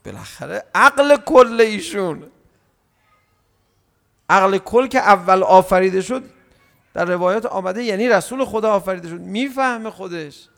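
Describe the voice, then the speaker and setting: High gravelly male preacher in a hall. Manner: lively, acts out quoted speech; slow drawn-out chanting of verses. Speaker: religious lecturer. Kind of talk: sermon.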